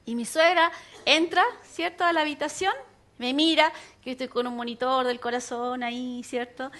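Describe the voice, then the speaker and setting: A woman pastor, preaching a sermon and telling a personal story in an animated way, acting out other people's voices. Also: high voice, moderate pace.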